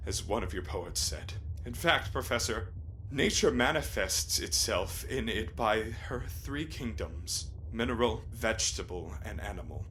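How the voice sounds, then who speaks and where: A man's voice: medium pitch, fairly bright tone, close to an everyday voice. A man acting Captain Nemo, proud and grandiloquent. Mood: impassioned, reverent. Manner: formal, grandiloquent, declamatory. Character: Captain Nemo, proud, courteous, impassioned sea captain. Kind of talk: theatrical radio play acting. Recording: clear background noise, live stage recording.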